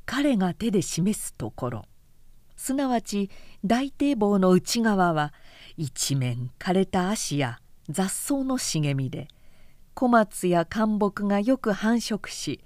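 A woman narrating a period novel as an audiobook in a calm, measured way. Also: mid-range voice, no room sound, clean studio sound.

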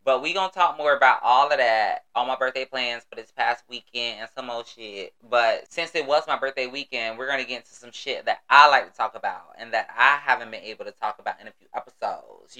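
A man's voice: medium pitch, fairly quick, hardly any pauses, bright, forceful tone, clear, resonant tone. An American man hosting a casual solo podcast, with a sassy, exuberant manner and salty, slangy talk. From United States. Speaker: podcast host.

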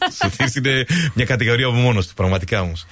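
A man talking as a guest in a casual radio studio interview, relaxed and laughing easily. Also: mid-range voice. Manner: relaxed, laughs often, stumbles through tongue twisters. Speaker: radio guest, stage actor. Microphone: studio microphone.

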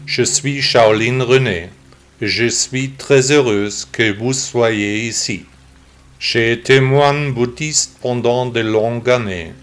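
A synthetic, computer-generated male voice reading a scripted podcast introduction as the host, in a steady, measured way. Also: mid-range voice.

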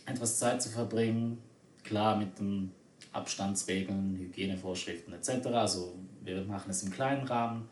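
Lowish-voiced Spanish man chatting. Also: steady tone, normal speed, roomy sound, slight background noise. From Spain. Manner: chatty, hesitant with many fillers. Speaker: conversation partner. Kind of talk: casual chat.

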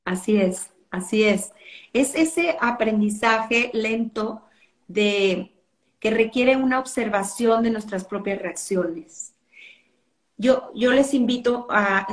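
A woman's voice: mid-range voice, echoey room. A woman parenting educator explaining things earnestly in an interview, acting out what parents say. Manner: earnest, acts out parents' quotes.

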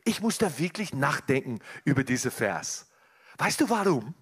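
A man's voice: mid-range voice, big pitch swings, moderate pace, husky. A man preaching a sermon at a church service, talking earnestly to the congregation, often restarting his sentences. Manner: earnest, with frequent restarts and direct address to the congregation.

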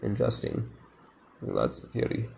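Man, fairly low voice, gravelly, reading aloud with commentary, enthusiastic. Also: huge pitch swings, normal speed, a little mellow, slight background noise. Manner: enthusiastic, muses aloud between passages. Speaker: reader discussing a novel.

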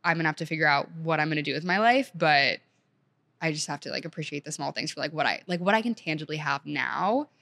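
A woman's voice: deep voice, lively intonation, fast, gravelly, a bit bright. A young woman in her twenties from Senegal, talking as a guest in an upbeat, chatty way full of "like". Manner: chatty, upbeat, heavy use of "like". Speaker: guest, content creator. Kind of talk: casual chat.

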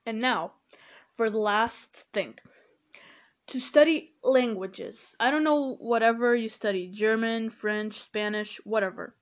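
A teenage girl whose first language is Portuguese hosts a podcast of casual study tips. She speaks slowly in a fairly high voice and rambles, leaning on fillers like "you know" and "like."

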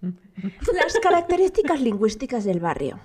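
Young woman w/ mexico city accent, highish voice, jokey and playful, just chatting. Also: very animated, normal speed, a little mellow, a little hiss or hum. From Mexico City area. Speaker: podcast co-host. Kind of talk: casual chat.

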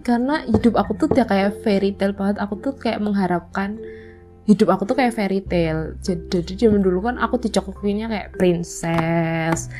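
A woman's voice: mid-range voice, moderate pace, warm tone, faint music behind. A young woman hosting a podcast, telling childhood stories in a chatty, filler-heavy way and acting out old quotes. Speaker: podcast host. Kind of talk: casual storytelling chat.

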